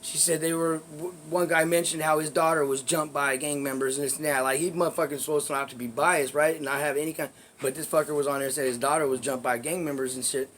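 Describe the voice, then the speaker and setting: A man casually telling a story in a vlog, rambling and swearing, dropping to low asides and then bursting out loudly. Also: fairly even intonation, fast talker, few pauses, a little hiss or hum. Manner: profane, rambling, loudness swings between low asides and emphatic bursts. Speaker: vlogger telling neighborhood stories.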